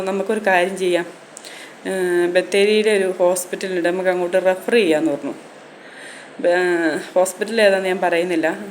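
A woman's voice: mid-range voice, slight background noise. A woman vlogger and mother telling her own story in a chatty way, often turning to the viewers with "you know". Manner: conversational, frequent tag "keto" addressing listeners.

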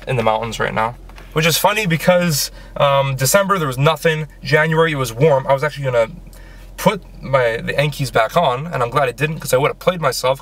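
In a car vlog, a young Canadian man rambles with many ums and false starts in a mid-range, somewhat bright voice. The setting moves from inside a small car to a snowy parking lot by a lake.

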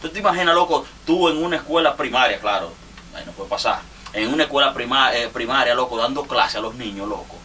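A man's voice: mid-range voice, lively intonation, fast talker, bright, forceful tone, a little hiss or hum. A man with a Dominican Spanish accent jokingly roasting fellow artists in a rambling, laughing monologue. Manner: teasing, rambling, laughs often. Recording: distant mic with faint ambience.

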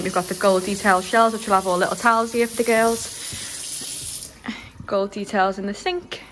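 A young woman from Liverpool, a nail salon owner, chatting excitedly with lots of fillers as she films a walkthrough of her salon under renovation on her phone. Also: mid-range voice, a little hiss or hum. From Liverpool, England. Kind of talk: walkthrough vlog.

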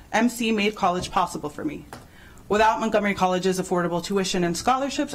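A young woman from El Salvador reads her testimony aloud at a council hearing. Her delivery is composed and steady, spoken into a desk microphone in a large chamber. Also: medium pitch, poor audio. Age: young adult. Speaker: public hearing speaker, college graduate. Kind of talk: prepared public testimony read aloud. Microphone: desk microphone on a stand.

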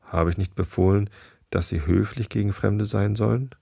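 A stern old swan king from a read-aloud storybook, as a man reads him in his own deep voice. He is strong, indignant and disapproving, with a gravelly edge and a very dry sound. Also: fairly even intonation, normal speed, warm tone, dry recording, exaggerated voice.

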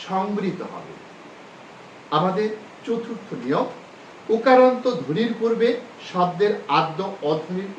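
A male Bangladeshi Bengali teacher giving a grammar lesson, repeating example words slowly and stressing each one. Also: high-pitched, muffled recording. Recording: roomy, distant mic, faint background noise.

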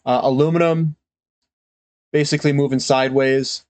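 A man talks through price charts in a loose, rambling way, full of ums and uhs. His voice sounds congested from a cold, and the recording is dry and close. He sits at a middle pitch for a man. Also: fairly even intonation, normal speed, a little mellow, no room sound. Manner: loose, rambling, with frequent fillers. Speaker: finance channel host. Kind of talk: casual market commentary.

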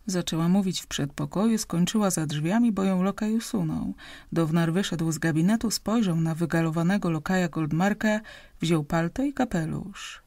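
A woman narrating an audiobook chapter in steady, measured storytelling. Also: lowish voice, dry recording.

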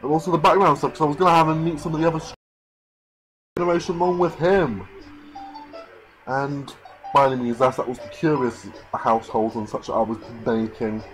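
A man's voice: a little high, steady tone, brisk, pauses often, faint music behind, poor audio. A man giving irritated, ranting let's play commentary over a life-sim game. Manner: frustrated, ranting, swears mildly. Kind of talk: gameplay commentary.

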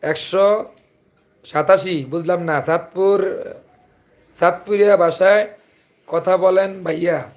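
High-pitched guy from chandpur, chandpur accent, chatting on a live stream, keeps begging for comments. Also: steady tone, slow pace, long pauses. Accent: Chandpur Bengali. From Bangladesh, Chandpur. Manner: chatty, greets viewers and asks for comments. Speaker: livestream host. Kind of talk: casual live chat with viewers.

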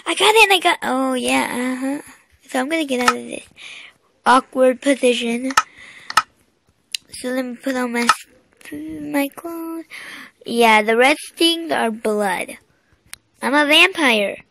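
A woman commenting on her own game as she plays, chatty and excitable, gasping and exclaiming at what she finds. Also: high-pitched, measured pace, creaky, pauses often, background noise. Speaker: gaming channel host. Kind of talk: let's-play game commentary.

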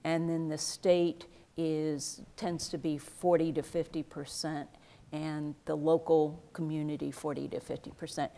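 A middle-aged woman academic speaks in a very low, mellow voice. She explains things step by step at a measured pace, recorded on a lapel mic in a television studio. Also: level tone. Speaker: professor of educational leadership. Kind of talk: panel discussion. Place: TV studio set.

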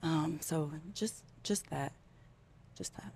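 A woman's voice: low voice, slow pace, a little mellow, husky. A young woman contestant on a dating show, speaking casually and hesitantly, with many ums, into a handheld mic. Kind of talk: casual chat. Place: bright indoor studio set.

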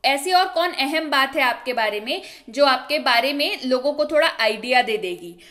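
A young woman, her voice high and bright, teaching spoken English over lesson slides. She asks questions and answers them herself, and she repeats each example slowly. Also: lively intonation. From India. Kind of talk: online video lesson.

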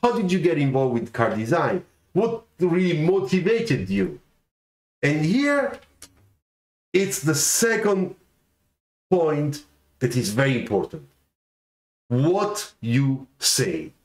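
A man's voice: fairly high pitch, slow pace. A middle-aged man, giving career advice on a livestream from a home studio, gesturing and often checking in with "okay?". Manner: animated, gestures a lot, keeps asking "okay?". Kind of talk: livestreamed talk to viewers. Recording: roomy echoey room sound.

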